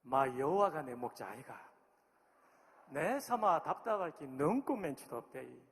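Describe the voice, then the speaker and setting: A man's voice: on the high side, sing-song, moderate pace. A man putting on a strong Gyeongsang dialect to recite a psalm as a blunt, plain-spoken local man, with an emphatic folksy delivery. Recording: long hall reverb.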